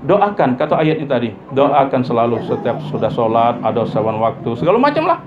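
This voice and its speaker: A man giving a sermon, his voice jumping high for emphasis as he acts out everyday family dialogue. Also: brisk. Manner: lively pitch leaps, acts out dialogue of parents and children. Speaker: preacher. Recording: dull lo-fi recording with faint ambient noise.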